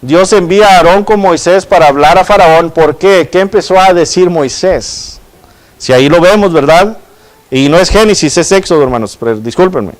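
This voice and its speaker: A man's voice: high voice, normal speed, rough recording. A man preaching a sermon and reading from the Bible, asking his listeners rhetorical questions and calling them brothers. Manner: peppers speech with rhetorical questions and "verdad".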